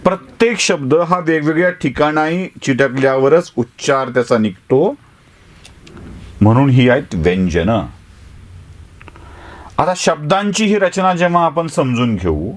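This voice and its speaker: A man's voice: a little high, animated, unhurried, long pauses. A man teaching a class, who sounds out letters one by one and keeps asking the students rhetorical questions. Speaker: journalism teacher. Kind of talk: classroom lecture.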